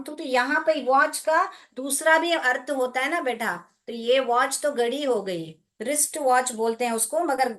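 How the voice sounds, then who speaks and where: A woman's voice: on the high side, fairly bright tone. A young Indian woman teaching an English grammar class online, explaining patiently in a mix of Hindi and English and calling the pupils "beta".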